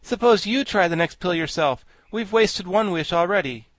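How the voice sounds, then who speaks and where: A man voicing a plucky, excitable young boy in a storybook, quick to exclaim and sulk. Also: high voice, dry recording, voice pushed up. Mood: sulky, indignant. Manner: exclamatory, petulant. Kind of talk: storybook character voice.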